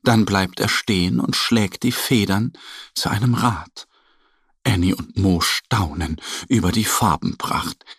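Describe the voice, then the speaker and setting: A man narrating a children's story in a calm, gentle storytelling manner. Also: deep voice, a little slow, husky, dry recording, studio quality.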